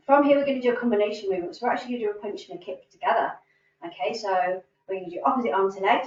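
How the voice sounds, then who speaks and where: Upbeat woman leading an exercise class. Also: medium pitch. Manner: upbeat, encouraging, counting reps. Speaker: fitness instructor. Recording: roomy, distant, dull sound.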